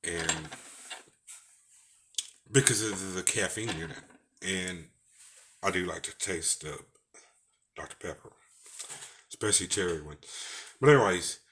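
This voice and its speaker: A man with a Texas twang talks through a casual personal vlog in a rambling, folksy way. His voice sits very low. His tone is bright and forceful. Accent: Texan. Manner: rambling, folksy, with false starts. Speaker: vlogger.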